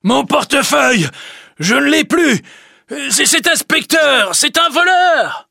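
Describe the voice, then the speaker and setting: A man's voice: very high voice, lively intonation, slow pace, creaky, dry recording, clean studio sound, pitched above the performer's own voice, full character voice. Man voicing a shrieking robbed stout racegoer. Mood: panicked. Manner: shouting in alarm.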